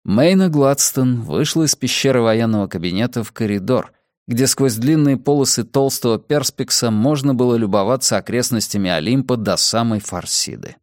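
A man narrating an audiobook in a measured, dramatic reading style. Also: medium pitch, a little mellow, no echo, studio quality. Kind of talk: scripted narration.

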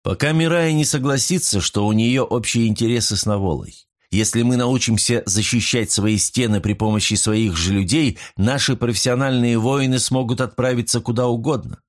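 A man voicing a calculating ruling father who argues in measured, persuasive speech. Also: mid-range voice, lightly acted.

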